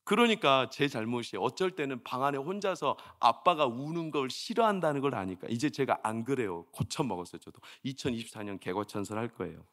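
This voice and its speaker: A senior pastor in his forties preaches a chatty, conversational sermon packed with rhetorical questions, swinging from hushed storytelling to loud, exasperated outbursts. His medium-pitched voice is lively in intonation, a little fast, with hardly any pauses.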